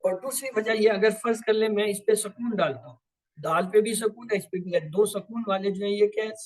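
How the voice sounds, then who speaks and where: A man with a high voice gives a step-by-step grammar lesson on the Quran. He asks his own questions and answers them, drawing out each Arabic drill word slowly. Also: a little mellow, poor audio. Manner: draws out and repeats Arabic drill words slowly.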